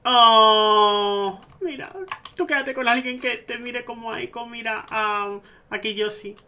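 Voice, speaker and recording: A man with a Spain Spanish accent giving gushing, excitable let's-play commentary over a life-sim game. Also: extremely high pitch, unhurried, soft background music. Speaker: gaming streamer.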